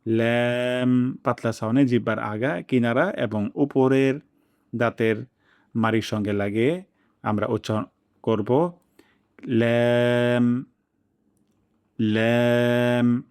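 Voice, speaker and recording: A man teaching the pronunciation of letters, explaining mouth positions and drawing each sound out slowly for students to copy. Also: mid-range voice, a little mellow. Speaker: Quran recitation teacher. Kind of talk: pronunciation lesson.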